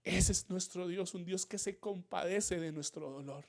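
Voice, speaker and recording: A man's voice: high-pitched, normal speed, gravelly, darkish tone. A male pastor preaching a sermon, earnest, repeating key phrases and rising in emphasis. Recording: church livestream.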